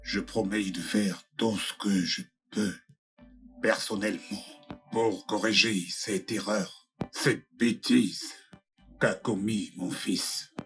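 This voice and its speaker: A man's voice: fairly low pitch, steady tone, slow, fairly bright tone, faint music behind. A man voicing a middle-aged father who apologizes and pleads in a dubbed film drama. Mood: pleading. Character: contrite middle-aged father begging forgiveness. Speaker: father apologizing for his son.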